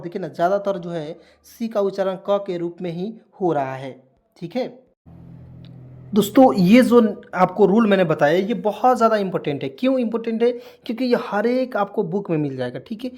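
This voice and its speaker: A man's voice: high voice, a little mellow. A man teaching English pronunciation in a video lesson, spelling words out letter by letter, asking questions and answering them himself, and calling his viewers friends. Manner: calls viewers friends, tags lines with okay. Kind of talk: spoken tutorial lesson.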